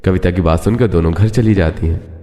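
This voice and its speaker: A man narrates a scripted story in a deep, dark-toned voice. Long reverb surrounds him. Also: fairly quick, lo-fi sound. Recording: long reverb, faint background music.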